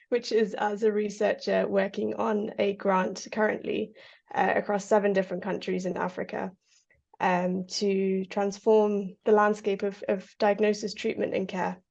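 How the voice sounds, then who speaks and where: A woman's voice: mid-range voice, little pitch movement, unhurried, gravelly, a little mellow. A woman from Kenya, a Parkinson's researcher, answering interview questions earnestly, with many fillers and restarts and frequent laughs. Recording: lo-fi audio.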